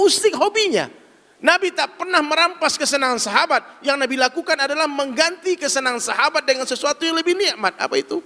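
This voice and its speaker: High, gravelly-voiced man preaching in a reverberant hall. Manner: emphatic and animated, addresses listeners as "Pak", acts out dialogues. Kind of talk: sermon to a gathering.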